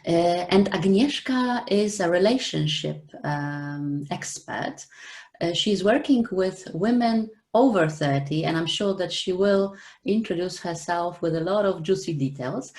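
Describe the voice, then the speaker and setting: A middle-aged woman hosting an online interview from home, speaking haltingly with many fillers. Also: fairly low pitch, expressive, darkish tone. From Poland. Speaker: host. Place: home room with shelves. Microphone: webcam on a video call.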